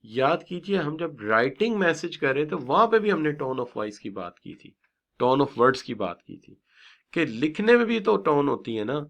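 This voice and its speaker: Slow, lively male lecturer. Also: fairly high pitch, creaky. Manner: slow, stretched-out teaching with emphatic stress and frequent praise; mixes English terms into his explanations. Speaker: business communication teacher. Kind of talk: classroom lecture.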